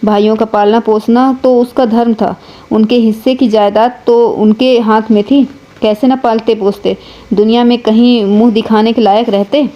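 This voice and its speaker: A woman storyteller reads a classic novel aloud with earnest drama. Her voice sits fairly high. The recording is muffled and lo-fi. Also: steady tone, normal speed.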